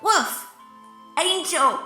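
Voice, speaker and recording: Squeaky, eager little boy pig from a storybook, piping well above the reader's own voice, with excited, breathless cries and a roomy sound under faint music, as a woman puts him on. Sweet and easily worried. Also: unhurried. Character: small anxious young male pig, eager and sweet. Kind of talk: storybook reading.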